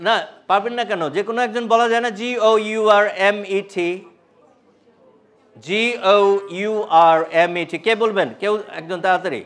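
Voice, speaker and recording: A man with a high voice leads a live training session. He is animated and fires questions at the room, slipping between Bengali and English as he teaches. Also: moderate pace. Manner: animated, quizzes the audience, mixes English into Bengali. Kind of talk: live classroom workshop.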